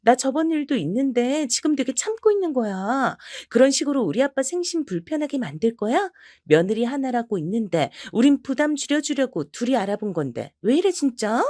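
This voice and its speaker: A woman's voice: sits high, lively intonation, moderate pace, few pauses, a little mellow, no echo, studio quality, voice pushed up. A woman voicing an irritated, nagging sister-in-law in a story reading. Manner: nagging, indignant.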